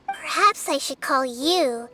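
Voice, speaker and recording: An actress voicing a small, childlike goddess of wisdom in a video game, gentle, precise and composed. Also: female voice, high-pitched, slow, slight background noise, exaggerated voice. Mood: calm, knowing. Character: small childlike female deity of wisdom, calm, perceptive.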